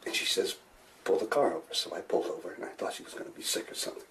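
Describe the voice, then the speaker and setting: A husband whose wife just vanished, low gravelly voice, halting and defensive. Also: male voice, lively intonation, a bit bright, a little hiss or hum, exaggerated voice. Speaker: husband of the missing woman. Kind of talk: film drama.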